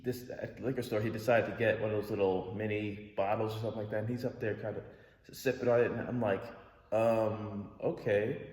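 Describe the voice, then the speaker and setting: A man telling a story in a casual vlog, rambling and swearing with an exasperated tone. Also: lowish voice. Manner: rambling, profane, exasperated retelling. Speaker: vlogger. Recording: echoey room with long reverb.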